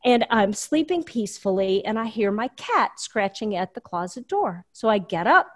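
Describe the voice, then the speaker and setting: A woman telling a personal story in casual chat, animated and full of fillers. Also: mid-range voice, normal speed. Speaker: guest storyteller.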